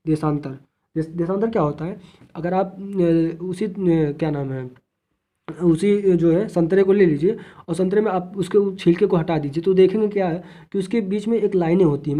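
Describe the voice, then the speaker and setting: A man's voice: sits high, warm tone. A man teaching a geography lesson, repeating key terms, asking and answering his own questions, and addressing the viewers as friends.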